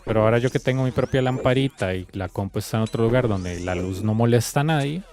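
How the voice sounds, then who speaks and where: A man's voice: medium pitch, quick pace, a little mellow. A young man with a Costa Rican accent, chatting loosely with his viewers while he plays, telling rambling stories and swearing freely. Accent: Costa Rican Spanish. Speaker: game streamer. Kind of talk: casual chat with viewers while playing.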